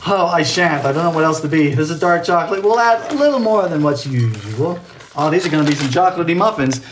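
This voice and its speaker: A man's voice: on the high side, animated, quick pace, a little hiss or hum. A man hosting a live baking stream from his kitchen, chatting casually with viewers, playful and joking, laughing often. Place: home kitchen.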